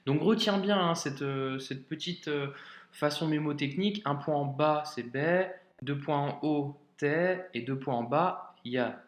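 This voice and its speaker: A man's voice: a little high, reverberant. A man teaching Arabic reading in a recorded video lesson, patient and informal, often checking that the learner follows. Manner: slow, patient, informal, addresses viewer as tu, checks understanding with ok.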